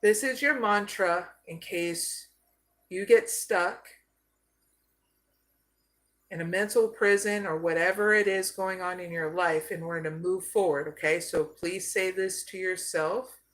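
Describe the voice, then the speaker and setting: A woman from Arizona giving a live card reading, slow and soothing, often checking in with "okay?". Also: fairly low pitch, fairly even intonation, fairly bright tone. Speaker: psychic card reader.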